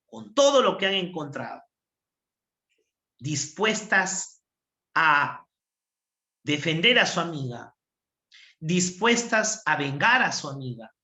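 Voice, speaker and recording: Animated bright-voiced male teacher. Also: a little high, slow, pauses often. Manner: animated, checks understanding. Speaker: anatomy teacher. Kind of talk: online class lecture, storytelling. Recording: roomy echo.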